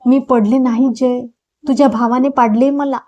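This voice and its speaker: A woman's voice: sits high, steady tone, moderate pace, warm tone, lo-fi sound, natural voice. A woman voicing a hurt, tearful young woman in an audiobook novel. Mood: upset. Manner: sorrowful, complaining.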